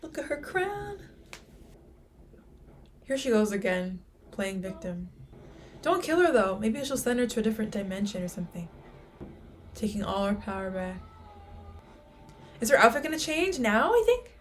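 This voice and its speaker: A woman's voice: mid-range voice, normal speed, long pauses. A woman hosting a casual reaction video, speculating aloud to her viewers and gasping and exclaiming at the screen. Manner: excitable, gasps and exclaims at the screen.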